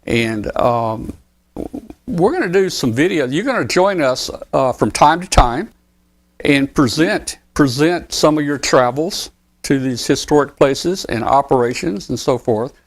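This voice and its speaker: A man's voice: fairly high pitch, lively intonation, a little slow. A man hosting a live ham radio talk show, interviewing a guest in a friendly, chatty manner with frequent restarts. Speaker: show host.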